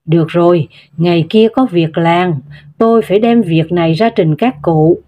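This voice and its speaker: A woman's voice: lowish voice, normal speed, warm tone, lightly acted. A woman doing a fuming village man. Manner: grumbling, fuming. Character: angry, resentful male villager, strong.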